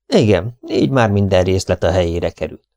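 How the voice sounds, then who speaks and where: A man reads an audiobook in the first person, working through his thoughts in a steady, questioning way. His voice is on the low side and sounds dry, close and free of room echo. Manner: steady, questioning inner monologue. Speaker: audiobook narrator.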